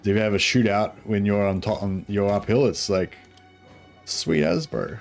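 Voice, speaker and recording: Low-voiced man, broad Kiwi accent. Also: level tone, brisk, soft background music. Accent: broad New Zealand. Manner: laid-back, sweary, rambling. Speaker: gaming streamer. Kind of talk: casual gameplay commentary.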